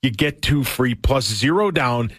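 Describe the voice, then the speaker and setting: A man's voice: medium pitch, lively intonation, a little slow, dry recording, studio quality. Conversational male host reading an ad. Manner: conversational, salesy. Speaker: radio host reading a live ad. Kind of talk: casual ad read.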